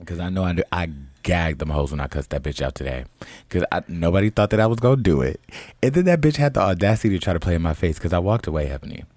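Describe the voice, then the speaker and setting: A young adult man from Chicago co-hosting a podcast in casual chat, telling stories with animation and leaping into a high voice when acting out quotes. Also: lively intonation, quick pace, darkish tone, no echo. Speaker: podcast co-host.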